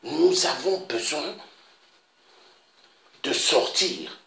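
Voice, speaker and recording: A man from Africa making an impassioned, repetitive public appeal, pleading with his listeners and pausing on interjections. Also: fairly high pitch, lively intonation, vocal fry, bright, forceful tone. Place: Paris. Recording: echoey room with faint noise.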